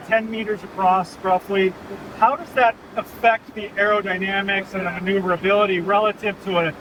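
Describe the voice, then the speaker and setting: High-pitched male interviewer over engine drone. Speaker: interviewer with an online following. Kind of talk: informal interview questioning. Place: inside an aircraft cockpit in flight. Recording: loud vehicle drone behind the voice. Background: aircraft engine and air noise.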